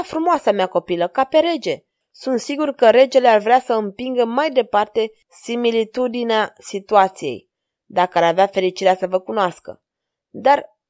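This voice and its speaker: A woman's voice: fairly high pitch, lightly acted. Woman voicing a flirtatious courtly king. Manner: courtly, flattering. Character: gallant amorous male king, courtly and flirtatious.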